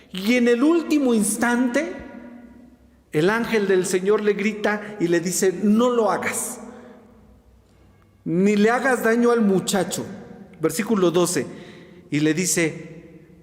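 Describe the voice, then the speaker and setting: Male pastor, high voice, dramatic retelling, boomy church echo; long reverb tail. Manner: dramatic storytelling, pace swings between rushed and drawn out. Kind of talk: sermon. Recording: echoey hall with long reverb.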